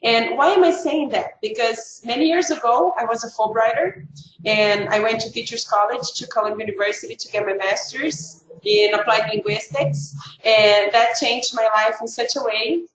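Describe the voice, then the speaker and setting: A woman's voice: on the high side, normal speed, roomy sound, crowd noise, poor audio. A middle-aged Brazilian woman, a native Portuguese speaker with a Brazilian accent, giving a chatty online talk as an education advisor over a video call, with many fillers and restarts.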